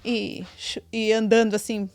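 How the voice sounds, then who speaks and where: A woman's voice: fairly high pitch, flat delivery, measured pace, darkish tone, faint music behind. A woman with a Brazilian Portuguese accent, a podcast co-host and mother, telling a family story in casual chat, often adding tag questions. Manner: chatty, many tag questions.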